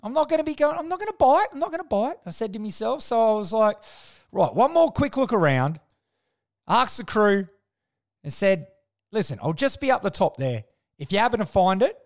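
A man with an Australian accent hosting a podcast in slangy, sweary, blokey tradesman style, telling stories casually and comically. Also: high-pitched. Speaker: podcast host. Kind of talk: casual comic monologue and storytelling.

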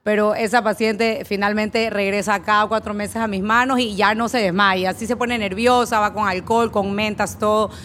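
A woman in her thirties telling stories from her work at a spa in a relaxed, chatty way. She acts out the voices of the people in her stories with lively energy. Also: mid-range voice, normal speed, few pauses, a little hiss or hum. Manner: animated storyteller who acts out quoted voices. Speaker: aesthetician at a spa. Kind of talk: casual chat, telling anecdotes.

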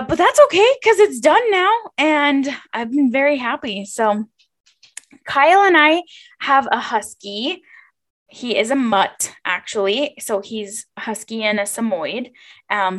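A woman's voice: a little high, fairly bright tone. A young woman hosting a podcast, talking alone in a chatty, informal and confiding way about personal things. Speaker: podcast host.

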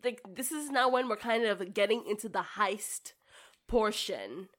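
A woman's voice: mid-range voice, a little slow, fairly bright tone. A woman co-hosting a casual movie chat, talking in a chatty, giggly way with lots of fillers. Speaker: podcast co-host.

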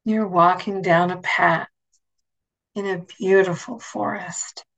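A woman with a lowish voice guides relaxation imagery as an instructor, speaking softly and soothingly at a slow pace. Her intonation stays fairly even, and her phrases sink toward a breathy near-whisper on a low-quality recording.

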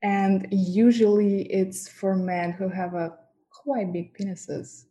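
A woman whose first language is Russian speaks slowly with a Russian accent, her medium-pitched, dark voice showing little pitch movement. As a guest in a candid interview chat, this professional dominatrix talks frankly about her work, laughing often and tossing in mock-degrading asides.

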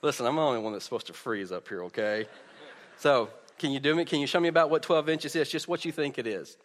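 A man's voice: mid-range voice, fast. A man preaching conversationally at a pulpit microphone, informal, often stammering over the starts of his phrases. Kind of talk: conversational sermon to a congregation. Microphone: pulpit or stage microphone over PA. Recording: echoey hall with long reverb.

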